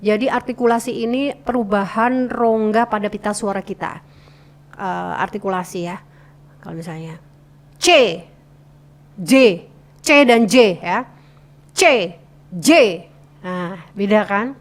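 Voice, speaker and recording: A woman's voice: medium pitch, steady tone, unhurried, pauses often. A woman teaching how to read news and narration aloud. She reads passages herself and repeats key words to show stress and intonation. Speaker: radio broadcasting instructor. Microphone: close desk microphone she adjusts.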